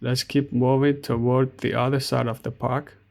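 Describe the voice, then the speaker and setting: This vlogger, a middle-aged man from China, leads viewers on a walking tour of an outdoor park in Chinese-accented English. He talks slowly and haltingly, leaning on fillers, and his medium-pitched voice comes across flat, creaky and somewhat dark.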